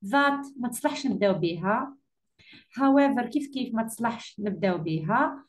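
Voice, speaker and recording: A woman with an Algerian Arabic accent correcting an English exam for her students, patiently repeating key words slowly. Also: a little high, animated. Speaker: English teacher.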